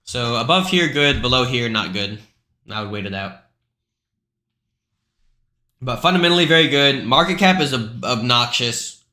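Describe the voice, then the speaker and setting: A man's voice: mid-range voice, lively intonation, moderate pace, pauses often, pushed and bright, echoey room. A man hosting a live stream, talking through price charts in a loose, chatty way with lots of asides. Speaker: crypto live stream host.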